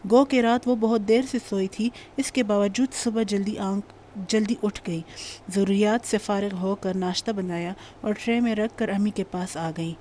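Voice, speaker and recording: A woman narrating a romance novel audiobook in an even, measured reading. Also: medium pitch, slight background noise.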